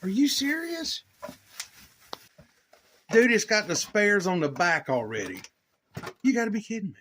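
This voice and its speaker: Middle-aged male host, loud exclaiming, cusses, lively swinging voice, workshop setting. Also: high voice, a little fast, slight background noise. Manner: excitable, swears a lot, exclamatory. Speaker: channel host. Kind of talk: casual chat in a workshop. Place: home hobby shop.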